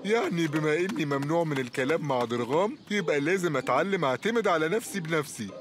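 Guy doing a high quick whiny egyptian cartoon buddy, goofy and overdramatic. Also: slight background noise, natural voice. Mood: silly. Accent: Egyptian Arabic. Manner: whiny, dramatic, excitable. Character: goofy clingy adult male cartoon friend. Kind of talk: cartoon dub acting.

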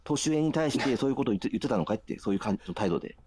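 A man's voice: medium pitch, animated, very fast, darkish tone, slight background noise. A man calling in to a livestream, arguing insistently and repeating himself in regional dialect. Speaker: caller. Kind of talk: heated livestream argument.

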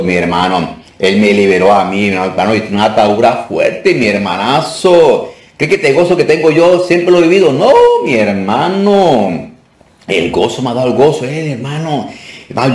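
A man's voice: medium pitch, lively intonation, moderate pace, distant mic. A man leading a fervent deliverance prayer and sermon, repeating commands for the crowd to echo. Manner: fervent, repetitive call-and-response commands; breaks into song. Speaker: deliverance preacher. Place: church conference hall.

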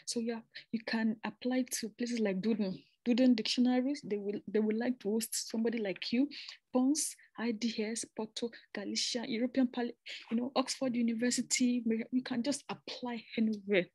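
Presenting slides on a master's program, a young Nigerian woman talks as if chatting with a friend, repeating and restarting phrases and dropping in conversational asides. Her slightly high voice has fairly even intonation, a darkish tone and a breathy edge, at normal speed. The informal talk is recorded close and dry, with no room sound.

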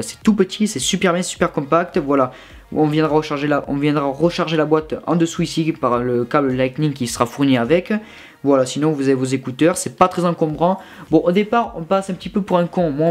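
Chatty young French-speaking tech reviewer man. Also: fairly high pitch. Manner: chatty, informal, with many fillers and restarts. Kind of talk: casual product review. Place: his bedroom.

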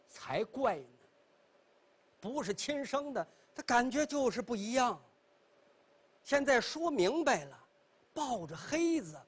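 A man telling a traditional pingshu story on a television stage, leisurely with chatty asides. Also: breathy edge. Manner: leisurely, chatty asides, wide expressive pitch.

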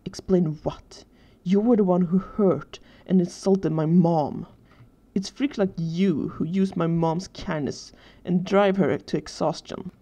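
A woman's voice: fairly low pitch, normal speed, vocal fry, mellow. Cody, a whiny teenage boy, read by a woman. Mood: tearful accusing. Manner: whiny, accusing. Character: angry tearful younger teenage boy.

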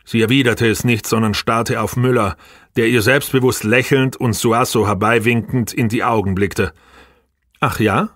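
A man reads a science fiction audiobook in a mid-pitched voice, close to the mic. The sound is dry and free of room echo. He lifts his voice a little when he speaks the characters' lines. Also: fairly even intonation, normal speed, a bit bright. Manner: reads dialogue with a raised, livelier voice for characters. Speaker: audiobook narrator. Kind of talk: scripted narration of a sci-fi audiobook.

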